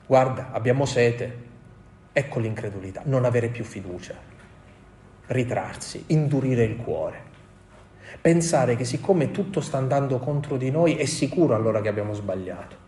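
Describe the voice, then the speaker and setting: A man delivers a sermon in a roomy, echoing church at a mid-range pitch. His preaching is impassioned, swelling to emphatic high points and then dropping low, and he briefly acts out the voices he quotes. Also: animated, moderate pace, mellow. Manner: impassioned, rising to emphatic peaks, quoting voices. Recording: echoey room.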